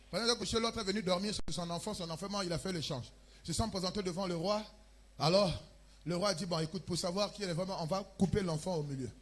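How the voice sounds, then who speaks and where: Husky high-pitched Congolese preacher. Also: male voice. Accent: Congolese French. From Republic of the Congo. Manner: preaching with loud emphatic bursts and chanted lines. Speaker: pastor. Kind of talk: sermon. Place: church.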